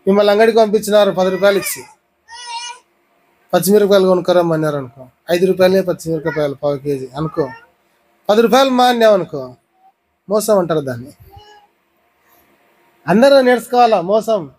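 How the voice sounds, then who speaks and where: High-voiced Telugu pastor preaching. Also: male voice, animated, brisk, pauses often, a little mellow, poor audio. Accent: Rayalaseema Telugu. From India. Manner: repeated questions to the congregation, teaching with everyday examples. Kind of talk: sermon.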